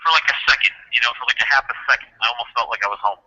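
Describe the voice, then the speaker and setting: Fast, sharp-voiced man on a payphone line. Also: medium pitch, husky. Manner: blunt, profane griping. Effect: heard over a jail payphone line. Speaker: caller phoning in from jail. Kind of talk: casual chat. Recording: tinny phone line.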